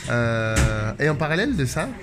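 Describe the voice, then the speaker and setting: A man's voice: mid-range voice, sing-song, normal speed. A man hosting an interview, speaking earnestly with many hesitations. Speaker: interviewer and channel host. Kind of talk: opinionated introduction then interview. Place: café in Paris. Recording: loud music underneath.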